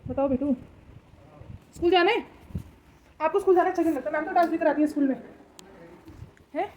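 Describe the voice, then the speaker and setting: A woman's voice: very high-pitched, fairly quick, dark tone, slight background noise. A woman coaxing a small child at home in a sing-song voice. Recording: dull lo-fi recording.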